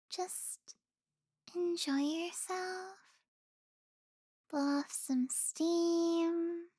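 A young woman playing an affectionate, teasing girlfriend in an intimate audio roleplay, speaking softly with sighs and giggles. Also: high-pitched, no room sound, clean studio sound.

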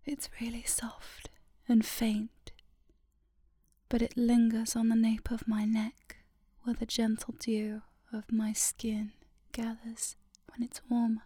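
A woman whispers an ASMR girlfriend roleplay close to the microphone, soft, affectionate and drowsy. Her voice sits a little high but stays flat and slow. The sound is mellow, breathy and dry. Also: no echo. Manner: slow and soothing, sleepy.

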